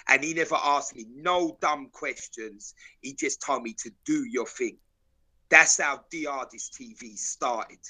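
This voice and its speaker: A man's voice: mid-range voice, measured pace, pushed and bright, husky, low-quality recording. A man with a South London accent, telling stories in street slang in an emphatic, declarative, repetitive way. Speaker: interview guest, videographer.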